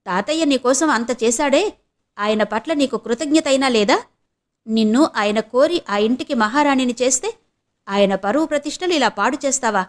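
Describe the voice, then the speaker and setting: A woman voicing a proud, quick-tempered young husband in an audio novel, curt and commanding. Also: high-pitched, natural voice.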